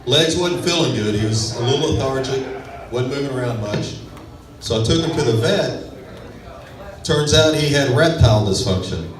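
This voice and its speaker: Heard from far off in an echoey club with an audience, a Texan man doing stand-up talks in a West Texas accent, keeping the humor relaxed and self-deprecating. His pitch is medium, his intonation lively, and his pace moderate.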